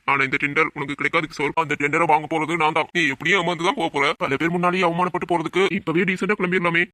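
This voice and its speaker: A smug business rival gloats and mocks, as a man plays him in an audio drama. The lines come out at a racing pace. The voice sounds bright and forceful. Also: on the high side, steady tone, quick pace, few pauses, no echo. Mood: gloating. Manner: gloating, mocking. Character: scheming male business rival, smug and taunting.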